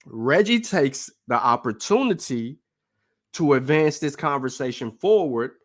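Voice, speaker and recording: A man's voice: medium pitch, lively intonation, measured pace. Man explaining a clip to viewers. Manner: explanatory, addresses viewers directly. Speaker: channel host. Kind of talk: commentary on a played clip.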